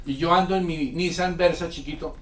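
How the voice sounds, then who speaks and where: Male pastor, high voice, animated sermon with acted-out quotes, echoey hall, mic at a distance. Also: moderate pace. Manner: animated storytelling, acts out quotes and sound effects. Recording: echoey room, mic far off.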